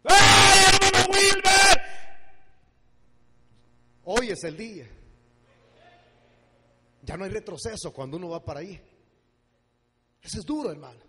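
A man preaching a sermon in a church, moving from quiet storytelling to fervent shouted exhortation. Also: a little high, animated, moderate pace, pauses often, background noise. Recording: long church hall reverb.

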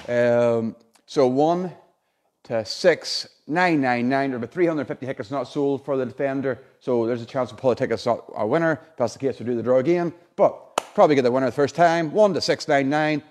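Bloke around forty doing a live prize draw, mid pitched, chatty and colloquial. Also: male voice, brisk, darkish tone. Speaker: competition draw host. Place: indoor showroom unit with a car and screen.

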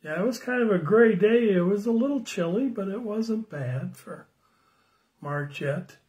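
An older man in his sixties giving a children's sermon on a phone livestream, slow and friendly, greeting viewers by name and asking the kids questions. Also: high-pitched, lively intonation, a little mellow. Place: small room indoors at home. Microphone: phone camera close up.

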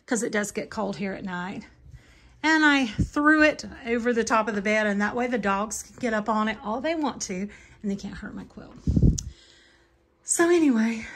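This home vlogger wanders through her house's rooms, including the bedroom and bathroom, talking casually and correcting herself along the way. Her voice is fairly high with a fairly bright tone, and a little hiss or hum is present.

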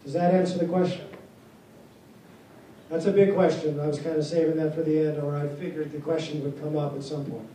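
A man leading a town hall meeting as base commander, answering questions in a measured, formal, plainspoken way before a seated audience. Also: on the high side, little pitch movement, warm tone. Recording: echoey hall from far off, faint noise.

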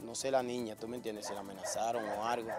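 A man's voice: fairly low pitch, steady tone, quick pace, over music. A man, the father of a victim, retelling events in a rambling, agitated way during an outdoor street interview.

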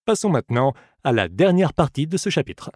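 A man reading a scripted audiobook language lesson, giving slow, careful model pronunciations for the listener to repeat. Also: a little high, big pitch swings, darkish tone, no room sound, clean studio sound. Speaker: language teacher.

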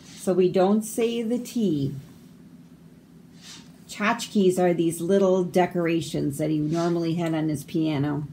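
A woman teacher reading a picture book aloud to young children, explaining each word slowly and carefully. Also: fairly low pitch, fairly even intonation, mellow, slight background noise. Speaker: elementary school teacher.

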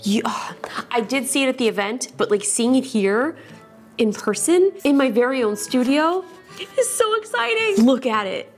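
A woman hosting a casual unboxing vlog from her own studio, bubbly and excitable and gushing over what she unpacks. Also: a little high, moderate pace, soft background music. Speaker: tech YouTuber host.

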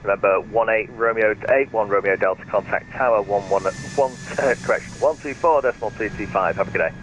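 A man working as an air traffic controller, talking in measured, polite radio phraseology over a radio transmission with static bursts. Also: fairly low pitch. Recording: muffled radio with faint hiss.

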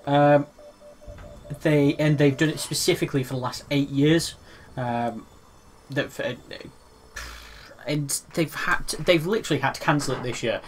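A man's voice: fairly high pitch, steady tone, unhurried, long pauses, a little hiss or hum. A man co-hosting a casual gaming podcast, rambling with lots of fillers and restarts and teasing his co-host. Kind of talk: casual chat.

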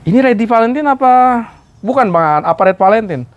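Lively male plant-seller host, high and bouncy, jokes as he goes. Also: a little fast, highs cut off, a little hiss or hum. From Indonesia. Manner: lively, repeats prices aloud, joking. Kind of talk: casual sales chat.

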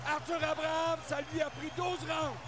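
A man with a Quebec French accent giving excited, emphatic live boxing commentary, often shouting. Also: extremely high pitch, normal speed, background noise. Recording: loud arena crowd behind commentary.

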